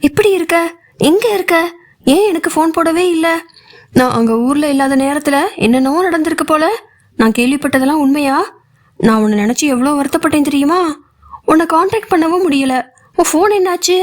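A woman voicing an anxious, chatty young female friend who fires off rapid worried questions in an audiobook. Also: sits high, a little mellow. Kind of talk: audiobook character voice.

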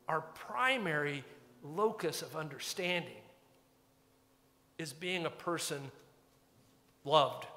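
The long reverb of a church sanctuary surrounds a pastor preaching from the pulpit. His fairly high voice is pushed and bright, yet his style stays conversational, wry and reflective.

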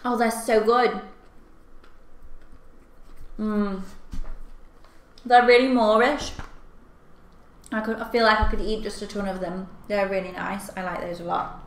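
A young woman chatting casually to camera as she tastes and eats candy, with expressive, exclaiming reactions. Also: medium pitch, unhurried, long pauses. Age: young adult. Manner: talking while eating candy and snacks. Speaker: video host. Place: small furnished room at home, indoors. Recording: echoey room, clear background noise.

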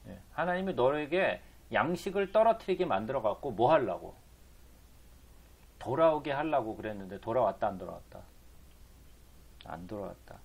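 A man's voice: mid-range voice, sing-song, moderate pace, gravelly, pauses often, darkish tone, breathy edge. A man teaching the Bible, reading scripture aloud and then asking rhetorical questions that he answers himself. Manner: reads scripture aloud between explanations.

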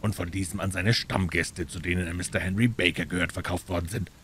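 A man voicing a calm, shrewd male detective with a friendly, measured manner in a storybook reading. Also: sits low, slight background noise.

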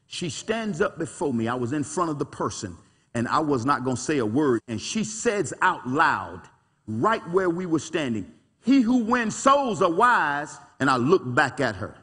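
A male pastor preaches in a colloquial, animated way, calling out to his congregation. His voice is slightly husky, and his pitch leaps and drops with every point. The sound rings with the long reverb of a church hall. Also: normal speed. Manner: animated preaching with call-and-response asides; folksy, colloquial speech. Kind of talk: preaching a sermon. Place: church sanctuary.

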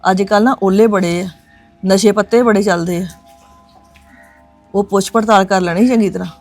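A wary woman in a family drama series who keeps giving cautious advice, played by an actress. She speaks at an ordinary mid pitch over faint background music. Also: fairly even intonation, moderate pace, darkish tone, lightly acted. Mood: cautioning. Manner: cautioning, advising. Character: wary woman urging caution about a match. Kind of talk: domestic drama acting.

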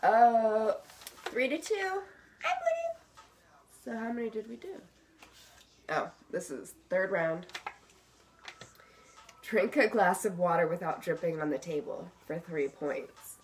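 Lively woman slurring through a mouthguard. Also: mid-range voice, slow, pauses often. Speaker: player in a party game. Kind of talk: playful casual chat. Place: small room at home, around a table. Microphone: camera across the table. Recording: clear room noise, table clicks.

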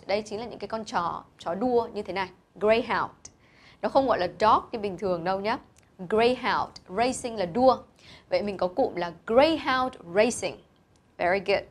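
A woman teacher, explaining vocabulary to pupils and patiently repeating each word's pronunciation. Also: on the high side. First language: Vietnamese. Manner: patient, repeats and spells out pronunciation, mixing English words into explanations. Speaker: English teacher.

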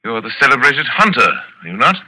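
An actor playing a suave, sinister aristocratic general, speaking with silky, elaborate courtesy in old radio suspense style. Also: male voice, medium pitch, big pitch swings, quick pace, sharp tone, full character voice. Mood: courteous, suave. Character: suave, sinister aristocratic foreign general and big-game hunter. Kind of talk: 1940s radio suspense acting. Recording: noisy old radio drama recording.

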